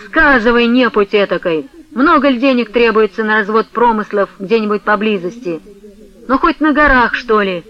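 A man's voice: high voice, normal speed, dull audio, natural voice. Man voicing Potap, a blustering old merchant. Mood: scolding. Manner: loud, scolding, coaxing. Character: blustering old male merchant, hot-tempered and pushy.

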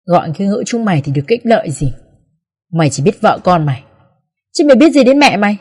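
A woman voicing a bitter, harsh old mother-in-law who shouts insults at her son. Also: medium pitch, sing-song, fast talker, husky. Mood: furious scolding.

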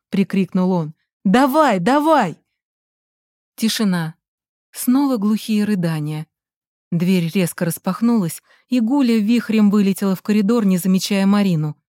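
A woman reads a novel aloud in a measured, storytelling way. Her voice is mellow and dark. The recording is close and dry, with no room sound. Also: mid-range voice, no echo. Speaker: audiobook narrator. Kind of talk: scripted narration.

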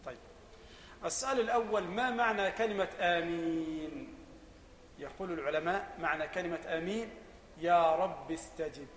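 A man with an Egyptian accent teaching a religious lesson as a sheikh. He asks questions and answers them himself, and builds to loud, emphatic passages. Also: high voice, brisk, echoey room, big-room sound, a little hiss or hum. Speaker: sheikh teaching Islamic jurisprudence.

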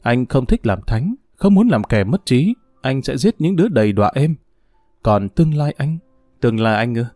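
A man's voice: medium pitch, very animated, moderate pace, few pauses, mellow, slightly rough, no echo, faint music behind. A man reading an anguished young lover.

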